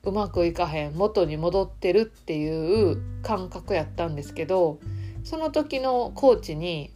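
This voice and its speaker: A woman with a Kansai accent hosting a casual solo podcast as a coach, talking in a relaxed, chatty way with soft fillers. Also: fairly low pitch, a little slow, soft background music.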